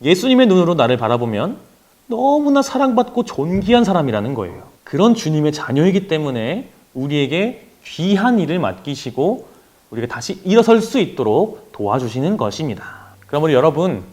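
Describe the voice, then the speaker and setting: A man's voice: a little high, a little mellow. A young man preaching earnestly as youth pastor, then praying. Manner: earnest, emotive preaching with rising and falling emphasis. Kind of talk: sermon and prayer.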